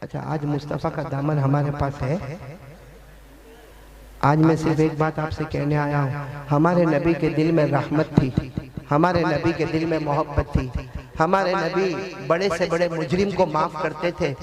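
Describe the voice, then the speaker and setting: A man's voice: on the high side, little pitch movement, a little slow. A man preaching a sermon with fervent repetition, calling on the gathering to respond. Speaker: Islamic preacher. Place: large religious gathering. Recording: live gathering with crowd noise.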